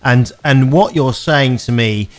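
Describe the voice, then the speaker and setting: A man from England hosting a radio interview, chatty and halting, often restarting his words. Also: medium pitch. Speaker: radio show host. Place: radio station.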